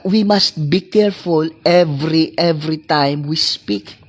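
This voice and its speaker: A preacher with a Filipino accent delivers a sermon at an unhurried, deliberate pace. The voice is husky, and key lines are repeated over and over for emphasis. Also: medium pitch. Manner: repeats phrases for emphasis, calls out listeners; mixes English with Tagalog and Cebuano.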